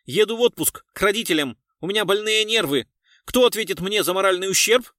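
A man voicing a touchy, pompous male cultural worker who complains loudly and haughtily. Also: on the low side, a little slow, dry recording, clean studio sound, voice pushed down. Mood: outraged.

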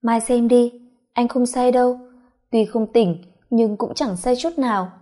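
A woman's voice: fairly high pitch, unhurried, warm tone, lightly acted. A woman voicing a tipsy, affectionate young husband who talks in a slurred, whiny, sugary way. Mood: sad.

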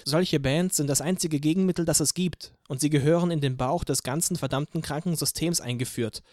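A man reading an audiobook, voicing a young female singer who gives a loud, rousing protest speech from a rooftop. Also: a little high, a little fast, no echo, studio quality, voice pushed up, lightly acted. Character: young woman, fiery protest band singer. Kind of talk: audiobook character voice.

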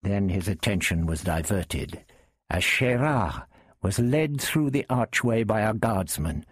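A man narrating a story in a measured, expressive reading. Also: fairly low pitch, husky, no room sound, studio quality.

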